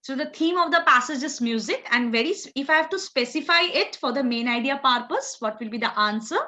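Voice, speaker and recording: A woman's voice: high voice, lively intonation, brisk, bright, forceful tone. A woman with a North Indian accent teaching a live online class, encouraging students with short, repeated praise. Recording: slightly dull, lo-fi audio.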